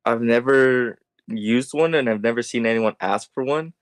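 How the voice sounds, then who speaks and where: A man co-hosting a casual podcast, relaxed and quick to laugh. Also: medium pitch, smooth. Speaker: podcast co-host. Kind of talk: casual chat.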